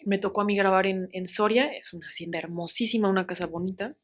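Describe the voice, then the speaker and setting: A young woman with a Mexican accent, an actress telling a story in a casual interview, animated and acting out the voices of the people she quotes. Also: medium pitch, fast talker. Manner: animated, acts out quoted voices, laughs often.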